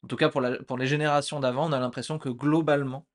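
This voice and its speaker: A young man co-hosting a podcast, chatting at an easy pace and feeling his way through each thought. He leans on fillers and restarts, and his voice sits at an ordinary middle pitch. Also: quick pace. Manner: relaxed, hesitant, many fillers. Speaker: podcast co-host. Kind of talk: casual chat.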